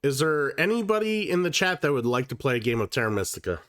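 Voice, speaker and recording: A livestream host chats casually while playing board games, sick and slightly nasal, swearing freely and peppering his talk with fillers and restarts. His medium-pitched voice is fast, sing-song and fairly bright, captured in studio quality with no echo.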